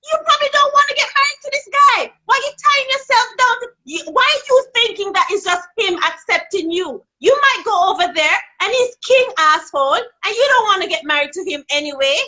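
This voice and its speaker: Animated and fairly quick with few pauses, a woman with a Jamaican accent chats frankly about sex and dating as a guest on a live video call, pitch rising whenever she makes a point. Her bright, pushed voice comes from a handheld phone in a rough recording.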